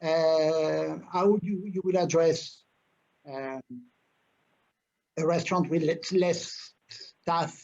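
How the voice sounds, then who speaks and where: A man with a French accent, a native French speaker, answering on a webinar panel in a halting way, with many fillers and repeated words. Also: a little high, a little mellow. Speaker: panelist, food industry investor. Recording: dull lo-fi webinar audio.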